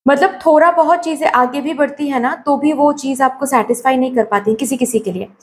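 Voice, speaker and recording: High-voiced woman with a sore throat. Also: fairly quick. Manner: advising, mixes English phrases, keeps asking "okay?". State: sore throat, slightly hoarse. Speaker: tarot card reader. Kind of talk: tarot reading addressed to viewers.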